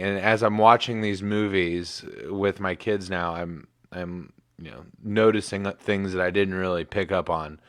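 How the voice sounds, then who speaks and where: A man's voice: low voice, fairly bright tone, dry recording, clean studio sound. A man in his thirties hosting a casual livestream sports show, laid-back and rambling with plenty of fillers. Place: home in Michigan.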